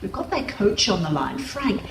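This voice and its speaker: In a roomy, echoing recording with clear background noise, a woman acts as a female parody news anchor. She presents a mock TV newscast in a formal, upbeat way, with a medium-pitched voice. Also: sing-song, moderate pace. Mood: formal, presenting.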